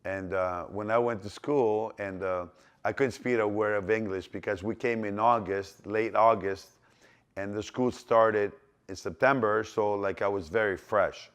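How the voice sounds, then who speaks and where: A man's voice: lowish voice, fairly even intonation, measured pace, smooth. A man in his sixties from Greece, speaking with a Greek accent, tells a rambling personal story full of fillers and restarts. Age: 60s. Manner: rambling, repeats himself, many fillers and restarts. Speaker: business owner telling his life story.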